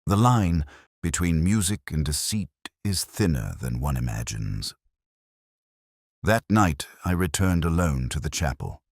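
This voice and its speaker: In a scripted first-person audio drama, a man gives a full character voice as the narrator, a weary, razor-minded, middle-aged English police inspector recounting his own case. His extremely low voice rises and falls in a sing-song, expressive way, and his measured, literary delivery feels brooding and reflective. The recording is close and dry.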